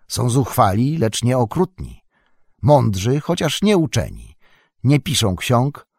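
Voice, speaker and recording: A man with a husky voice reading the part of a weary, steady human ranger in an audiobook, calm and measured. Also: medium pitch, no echo, studio quality.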